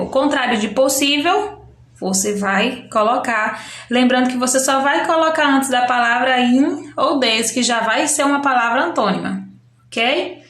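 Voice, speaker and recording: A Brazilian woman talks through a primary school lesson at a very slow, patient pace, breaking words into syllables as she goes. Her voice sits a little high. The recording has a noticeable room echo. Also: a bit bright. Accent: Brazilian Portuguese. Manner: patient, spells out syllables, frequent "né" and "ó". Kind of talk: slow explanatory classroom lesson. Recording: echoey room.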